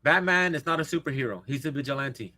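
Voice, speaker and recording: Talking fast in a sharp, highish voice, this Spanish-speaking livestream host chats casually. He's blunt and rambling, breaking into his own sentences, and the recording is dry and close.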